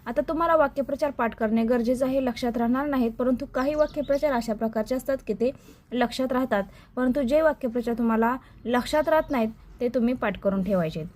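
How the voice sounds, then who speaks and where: A woman teacher reciting a list of idioms and their meanings in a slow, dictation-like way for exam preparation. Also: a little high, darkish tone.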